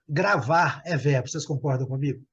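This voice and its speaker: A middle-aged Brazilian man teaching English to a group over a video call, chatty and prone to slowly repeating words. His voice sits a little high and sounds husky. The call audio is muffled and lo-fi. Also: fairly bright tone. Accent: Brazilian Portuguese. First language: Portuguese. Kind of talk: online group English lesson.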